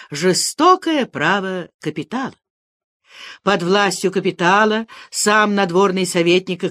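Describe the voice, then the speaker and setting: Expressive woman reading a story. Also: medium pitch, no room sound, studio quality. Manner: expressive, dramatic phrasing. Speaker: audiobook reader. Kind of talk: expressive literary narration.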